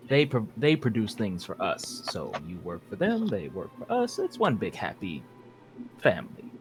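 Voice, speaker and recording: A man playing a cool, menacing female dark-side agent who talks down to people. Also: lowish voice, wildly swooping pitch, moderate pace, over music. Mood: condescending. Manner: smooth and condescending.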